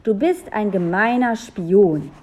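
A woman's voice: mid-range voice, animated, slow pace, a little mellow. A woman voicing an angry, bossy older sister, a young girl, in a storybook reading.

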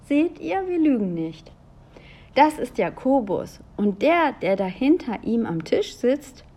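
A woman voicing an excited young girl in a read-aloud children's story, speaking emphatically. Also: slow, slightly rough, full character voice. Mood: eager. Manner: bright, emphatic, pitched up. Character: excited girl, Julia, eager to convince her parents.

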